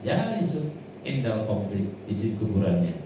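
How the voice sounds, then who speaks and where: A man's voice: on the low side, very animated, normal speed. A man preaching an informal sermon, chatty, with Arabic quotes and frequent restarts. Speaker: Islamic preacher. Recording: echoey hall from far off, with noise.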